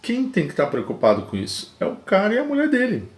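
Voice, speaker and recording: Calm man teaching in an echoey room. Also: sits high, fast talker. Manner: calm, repetitive, explaining with everyday examples. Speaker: live stream host. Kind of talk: teaching talk to a live audience. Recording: roomy echo.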